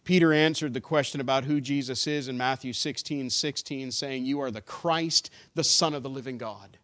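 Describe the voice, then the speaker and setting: A man preaching a sermon, building emphatic rhetorical questions that swell louder and drop soft. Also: mid-range voice, moderate pace. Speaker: pastor.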